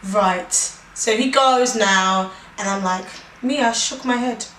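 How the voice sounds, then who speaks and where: A young woman telling a story in casual chat, animated, acting out the lines she quotes. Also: mid-range voice, slow pace, a little hiss or hum. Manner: animated, acts out quoted lines, laughs often. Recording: echoey room, mic at a distance.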